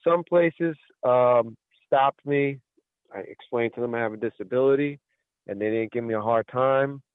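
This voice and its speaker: A man's voice: medium pitch, normal speed, smooth, dry recording. Man telling a story over a tinny phone line. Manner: rambling storyteller who acts out quoted exchanges. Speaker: caller. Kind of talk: recounting a story on a call-in radio show. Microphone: telephone.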